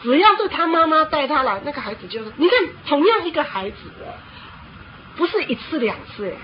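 A woman preacher giving a sermon, telling stories in an animated way and often pausing on a filler word. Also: sits high. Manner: animated storytelling with frequent filler "hao". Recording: dull lo-fi with faint noise.

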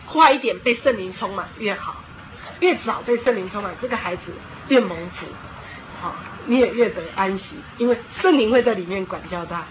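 A woman preacher giving a sermon, telling stories in an animated way and often pausing on a filler word. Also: medium pitch. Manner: animated storytelling with frequent filler "hao". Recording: dull lo-fi with faint noise.

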